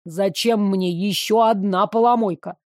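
A woman's voice: steady tone, unhurried, no echo, clean studio sound, natural voice. A woman doing a grumpy grey-haired old shopkeeper. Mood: grudging. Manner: low, curt and grudging.

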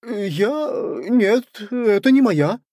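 A man's voice: a little high, sing-song, slow, dry recording, clean studio sound, pitched above the performer's own voice. A man doing an indignant, blustering townsman. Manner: loud, accusing, blustering. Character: indignant middle-aged townsmen accusing a thief.

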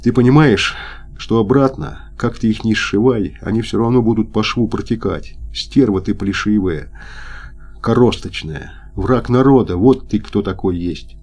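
A gruff, indignant wounded soldier, read by a man in an audiobook, his voice dropping low and quiet as he grumbles and curses in a rough folksy way. stubborn and hurt, he never lets up. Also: normal speed. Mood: furious.

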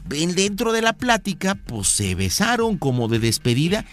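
Teasing Mexican radio host, lively voice. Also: male voice, sits high, normal speed, faint music behind. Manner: playful, teasing, slangy. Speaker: radio prank show host. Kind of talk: joking radio chat with a caller.

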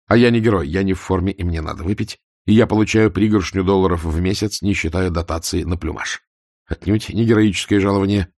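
A man's voice: low-pitched, fast, a little mellow, no room sound, clean studio sound. A man doing a weary, bitter watch captain. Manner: bitter, muttering.

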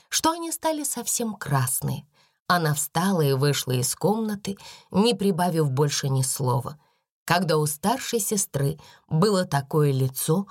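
Woman reading an audiobook, lively up-and-down voice, dry close sound. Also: fairly low pitch, no echo. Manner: expressive storytelling. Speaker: narrator. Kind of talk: audiobook narration.

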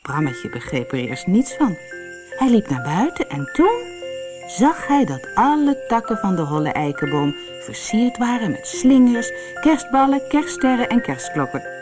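A woman reading a children's storybook aloud with lively, expressive storytelling. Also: fairly high pitch, measured pace, over music. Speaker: narrator.

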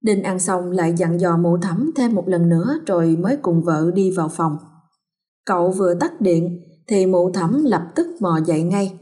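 A woman narrating a horror story in a steady, dramatic storytelling manner. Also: fairly low pitch, moderate pace. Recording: faint background music.

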